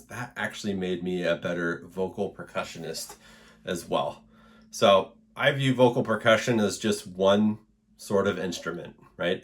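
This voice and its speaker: A man teaching an introductory vocal percussion lesson in an encouraging, relaxed way, with frequent fillers. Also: low-pitched. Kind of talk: instructional video lesson.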